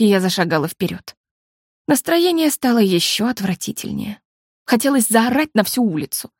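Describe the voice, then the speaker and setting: A woman reading a first-person audiobook in a steady, measured storytelling manner. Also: on the high side, dry recording, studio quality. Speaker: narrator.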